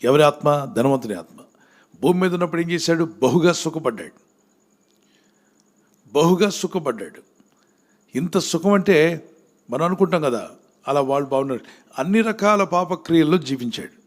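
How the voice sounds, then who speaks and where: Give me a man with a slightly high voice, preaching and asking the crowd to call out answers. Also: animated, fairly quick. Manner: asks the crowd questions and presses them to answer louder. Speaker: pastor. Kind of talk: sermon with call-and-response questions to the congregation.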